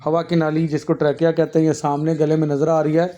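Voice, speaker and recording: A nursing and health teacher gives a patient anatomy lecture, walking his students through diagrams and often calling them "beta," with plenty of fillers and self-corrections. His voice is fairly high and completely flat, quick and warm, and the recording sounds lo-fi.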